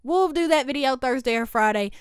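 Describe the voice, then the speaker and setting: A woman with a high, animated, fairly quick and smooth voice recaps a TV show for her YouTube channel, chatty and gossipy, peppering her talk with "like" and "y'all." She records in a home studio on a desk mic beside her, and the sound is clean with no echo.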